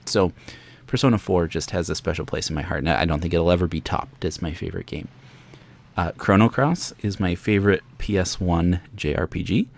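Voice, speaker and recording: Low, creaky man doing gameplay commentary. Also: a little fast. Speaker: let's play host. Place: indoors, game music behind the voice.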